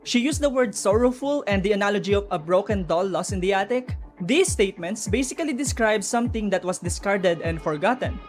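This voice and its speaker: Over background music, a woman narrates game lore chattily and speculatively, addressing viewers head-on. Her mid-range voice is expressive and a little mellow, running a little fast with hardly any pauses.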